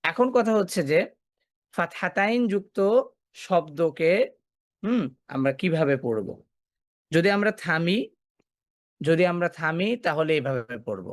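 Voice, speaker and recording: A man's voice: on the high side, lively intonation, a little slow, long pauses, dry recording. A man teaching a Quran recitation class, asking his students questions, answering them himself and repeating key points. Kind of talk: classroom lesson.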